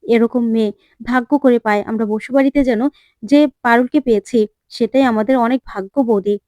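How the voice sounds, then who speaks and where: A woman's voice: on the high side, fairly even intonation, fairly quick, warm tone, no room sound, close to an everyday voice. A woman voicing a kind sister-in-law who coaxes and gives advice. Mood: coaxing. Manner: coaxing, advising.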